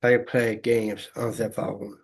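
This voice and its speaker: A man chatting casually about a movie, speaking in halting, broken phrases with many fillers. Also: fairly low pitch, level tone, creaky, husky. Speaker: co-host. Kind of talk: casual movie review chat.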